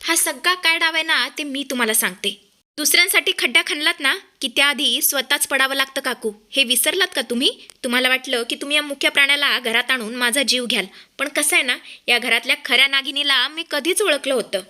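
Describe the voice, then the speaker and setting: A woman's voice: high-pitched, a little fast, sharp tone. A woman voicing a heroic young daughter-in-law, firm and accusing.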